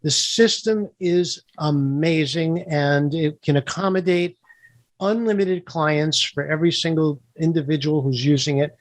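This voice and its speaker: A man's voice: fairly high pitch, unhurried, dry recording. A man who is a guest on a podcast, explaining his work with confident, upbeat salesmanship. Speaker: guest, software founder. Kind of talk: interview explanation.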